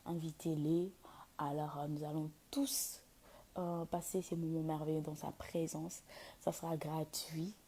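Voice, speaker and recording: A woman in giving an informal devotional exhortation as a worship leader, speaking haltingly and slipping into English at times, with a husky, breathy voice. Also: low voice, mellow. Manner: hesitant French, slipping into English mid-talk. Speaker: worship leader inviting people to a praise event.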